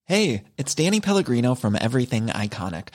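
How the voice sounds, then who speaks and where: A man reads a scripted podcast ad as the host. His mid-pitched voice swings up and down with a very animated range. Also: a little fast, soft background music. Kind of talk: scripted host-read advertisement.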